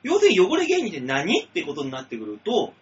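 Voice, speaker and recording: A high-pitched man with a lively, bouncing delivery hosts a comedy talk show and reads listener mail. He jokes in a bawdy, mock-formal way. The recording is dull and lo-fi. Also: quick pace. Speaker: radio show host reading listener mail. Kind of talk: casual comedic chat.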